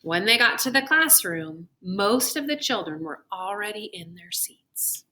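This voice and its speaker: Slow, bright-voiced woman teacher reading aloud. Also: mid-range voice, big pitch swings. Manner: deliberate, addressing children. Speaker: elementary school teacher. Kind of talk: expressive read-aloud and talk to young pupils.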